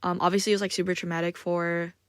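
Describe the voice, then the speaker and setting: A woman's voice: on the low side, flat delivery, fast talker, clean tone, no room sound, clean studio sound. A woman hosting her own podcast, reviewing manga in a casual, unscripted monologue full of "like" and "um," with self-conscious, apologetic asides. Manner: rambling, filler-heavy, frequent "like" and "um".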